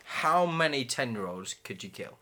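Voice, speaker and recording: A man's voice: medium pitch, very animated, normal speed, bright, forceful tone. A British man bantering casually as a podcast co-host, sweary and insistent as he argues his points.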